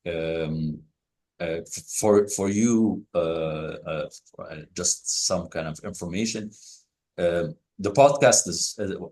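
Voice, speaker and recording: Halting, very low-voiced male podcast host. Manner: halting, with frequent pauses and restarts. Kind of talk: casual interview chat.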